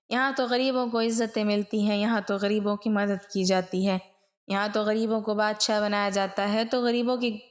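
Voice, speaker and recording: A woman's voice: medium pitch, natural voice. A woman voicing a humble male ruler who speaks earnestly and in repeated phrases. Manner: earnest, preaching repetition.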